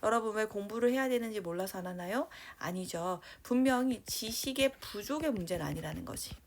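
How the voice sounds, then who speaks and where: A woman teaching English grammar to high schoolers, with a mid-range voice. Her delivery is lively and full of check-in questions to her class. A faint hiss sits under the recording. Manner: reads English sentences slowly while writing them out. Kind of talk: online grammar lecture.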